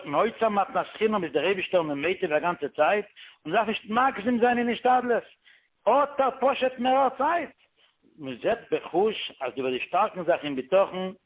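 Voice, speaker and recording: A man giving a storytelling religious talk, retelling events in a quick run-on way and jumping up in pitch for the voices he quotes. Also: breathy edge. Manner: quick run-on phrasing with many Hebrew religious terms. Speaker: religious teacher. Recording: tinny phone-line or radio-band sound.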